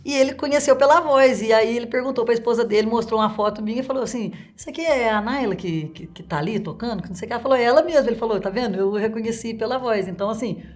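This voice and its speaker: A woman's voice: fairly high pitch, rapid-fire, few pauses. A woman with a Minas Gerais accent, telling a personal story in a chatty way. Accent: Minas Gerais Brazilian Portuguese. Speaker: interviewee. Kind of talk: casual storytelling.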